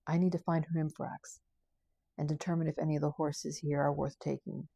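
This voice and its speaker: Woman narrator doing a calm young man, soft, plain-spoken, low voice. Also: moderate pace, creaky, slightly rough, no room sound, full character voice. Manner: soft, matter-of-fact. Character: young male warrior, calm and protective.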